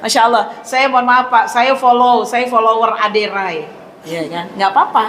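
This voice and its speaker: A middle-aged woman giving a mosque sermon, telling stories in a lively way and often speaking straight to the congregation. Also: on the high side, normal speed. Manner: lively storytelling, addresses the congregation constantly; acts out dialogue in raised voice. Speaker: preacher. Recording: echoey hall with faint ambience.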